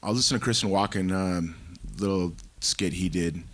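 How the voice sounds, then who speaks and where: A male fighter delivering menacing trash talk in halting phrases. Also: deep voice, fairly bright tone.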